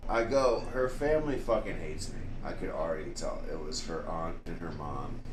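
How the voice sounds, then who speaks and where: Man, lowish voice, loose profane storyteller; roomy noisy recording. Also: normal speed. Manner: swearing, laughing storyteller. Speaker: podcast guest. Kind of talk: casual storytelling chat. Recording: roomy with background noise.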